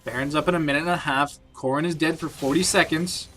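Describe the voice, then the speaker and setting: A man doing play-by-play commentary on a video game match, shooting up loud on big plays. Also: quick pace, slight background noise. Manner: excitable, jumps up in pitch and volume on big plays. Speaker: esports caster.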